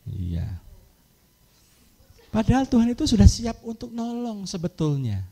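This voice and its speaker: A middle-aged man with a Javanese-tinged Indonesian accent, preaching a humorous, lively sermon at a women's camp and acting out people's voices. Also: unhurried, gravelly. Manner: humorous, acts out congregants in high voices, mixes in Javanese words. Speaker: pastor, speaker at a women's camp.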